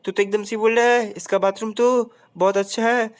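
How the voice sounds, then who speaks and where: A woman voicing a playful cartoon boy who talks slowly and bossily, with a drawn-out, sing-song delivery in a comic gameplay voice-over. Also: medium pitch, fairly even intonation, clean tone, lightly acted. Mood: teasing.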